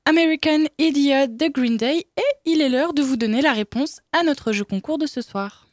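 A young woman hosts a student radio show in a chatty, loose way, full of fillers and little laughs. Her voice sits a bit high. The sound is close and dry, with no room around it. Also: moderate pace, no room sound. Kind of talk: live radio show banter.

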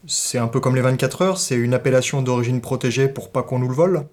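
A man's voice: mid-range voice, fast, darkish tone. A man presenting a scripted radio serial as interviewer, with a wry, tongue-in-cheek manner.

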